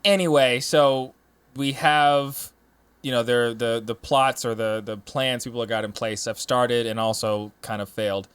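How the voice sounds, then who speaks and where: A man's voice: mid-range voice, steady tone, a little slow, a bit bright, smooth. A man talking casually on a podcast panel, rambling with lots of restarts and fillers. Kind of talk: casual chat.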